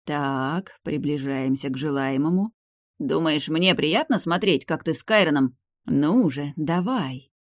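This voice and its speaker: A woman's voice: sits low, measured pace, no echo, clean studio sound. A woman voicing a cold scheming vampire woman. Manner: cold, curt, sarcastic.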